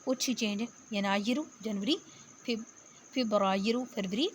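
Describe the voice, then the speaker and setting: A woman teacher giving a spoken lesson, patient, explaining step by step and repeating words slowly. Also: medium pitch, fairly even intonation, slight background noise. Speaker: Arabic teacher. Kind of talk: spoken lecture.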